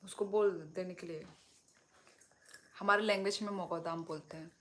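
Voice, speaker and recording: This young woman's lowish voice holds a steady tone at a moderate pace. Native to Tripura in northeast India and a Kokborok speaker, she eats on a phone livestream while chattily and playfully reading out and answering viewer comments.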